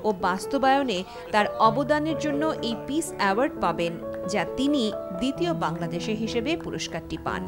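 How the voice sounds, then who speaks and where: Reading scripted documentary narration as the programme's narrator, a Bangladeshi-accented woman speaks a little fast in an animated, high-side voice. Background music runs clearly beneath her.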